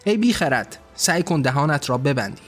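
A man's voice: a little high, sing-song, breathy edge, faint music behind. A man voicing a harsh archangel who gives curt, scolding commands. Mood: stern.

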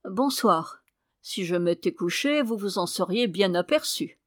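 Une femme qui lit un roman à voix haute avec un ton vivant et expressif. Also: female voice, fairly low pitch, normal speed, dry recording, studio quality. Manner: lively, expressive storytelling. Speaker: audiobook reader. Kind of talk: literary reading.

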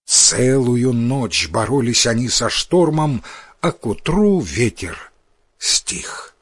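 A man reading a fairy tale aloud in a dramatic, expressive storytelling voice. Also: mid-range voice, slow pace, slightly rough, dry recording, clean studio sound. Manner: dramatic, lively.

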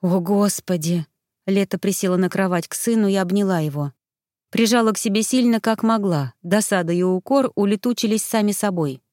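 A woman reading a story aloud in calm, measured narration. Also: mid-range voice, dry recording, clean studio sound. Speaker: audiobook narrator. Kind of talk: scripted narration.

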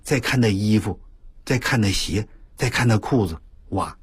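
An older man on the radio telling a story in a folksy, animated way, full of exclamations and drawn-out emphasis. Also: fairly low pitch, husky, dry recording. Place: radio studio.

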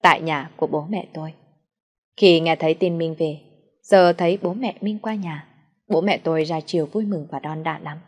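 A woman with a low voice narrating a family drama. Her storytelling is calm and measured, like an audiobook. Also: big-room sound.

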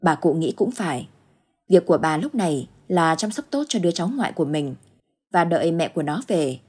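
A woman narrating a ghost story in steady, measured scripted storytelling. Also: lowish voice, breathy edge.

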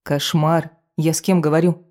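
A reader voicing a young, weary witch who sighs softly and asks questions in an audiobook. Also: sits low, normal speed, lightly acted. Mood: weary, curious. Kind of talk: audiobook character voice.

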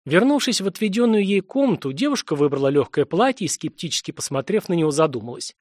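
A man reads a fantasy novel aloud in steady, scripted narration. His voice sits a little above the usual male range. The recording is dry and close, with no room sound. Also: a little high, quick pace, no echo. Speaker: audiobook narrator.

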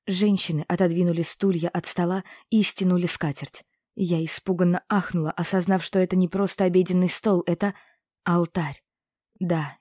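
Woman audiobook narrator, calm emotive reading, dry close sound. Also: lowish voice, dry recording. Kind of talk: first-person audiobook narration.

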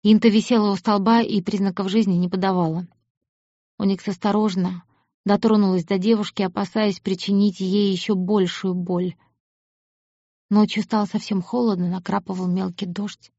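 Gravelly woman narrating an audiobook. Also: medium pitch, flat delivery, normal speed, warm tone, no echo. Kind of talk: scripted narration. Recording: dull lo-fi audiobook recording.

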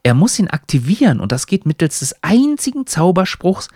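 A man's voice: high-pitched, sing-song, moderate pace, darkish tone, husky, no echo, studio quality, pitched above the performer's own voice, heavily acted. A man voicing a pompous, lecturing old talking hat with a stilted, old-fashioned way of speaking.

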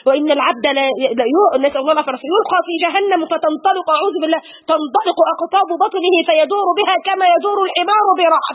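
A middle-aged woman with an Egyptian Arabic accent giving an Islamic lesson, fervent and full of pious exclamations. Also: very high-pitched. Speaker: religious teacher. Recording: tinny phone-like audio.

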